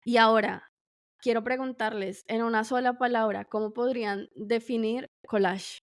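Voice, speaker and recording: Woman, interviewer, reflective, slightly high voice, dry close sound. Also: fairly even intonation, moderate pace, dry recording. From Colombia. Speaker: interviewer and host. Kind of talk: casual interview.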